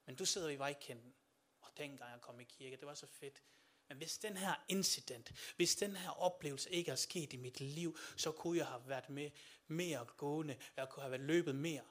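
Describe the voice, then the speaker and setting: A man delivering a sermon in a voice pitched a little high for a man. He swings between hushed, low passages and loud, rising declarations, and puts questions straight to his listeners. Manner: addresses listeners directly with questions. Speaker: preacher.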